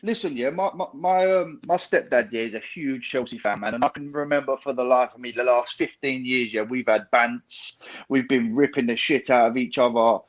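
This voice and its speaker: A man's voice: medium pitch, normal speed, lo-fi sound. A man chatting casually on a football fan podcast, telling stories in slang and often checking that listeners follow. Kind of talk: casual chat.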